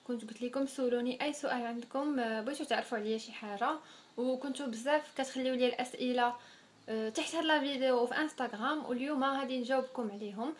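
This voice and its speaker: A woman's voice: sits high, racing, slight background noise. A woman in her twenties with a Moroccan accent, chatting casually as a vlogger answering viewers' questions and slipping French words into her speech. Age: 20s. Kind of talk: casual Q&A vlog.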